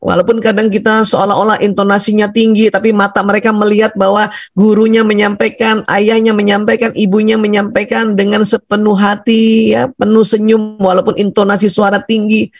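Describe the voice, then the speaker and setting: A man from Bugis Makassar speaks to a room of teachers and parents in a thick, loud, gravelly voice. He talks with animated energy and guides them through slow breathing. The sound is dry and close. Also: high-pitched, dry recording. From Bugis Makassar, Indonesia. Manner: animated, laughs often, leads breathing exercises. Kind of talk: seminar talk to teachers and parents.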